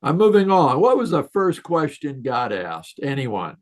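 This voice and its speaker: A man's voice: a little high, big pitch swings, measured pace. A man giving a folksy, storytelling leadership talk to an online group, chuckling and asking rhetorical questions. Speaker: leadership speaker. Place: online video session.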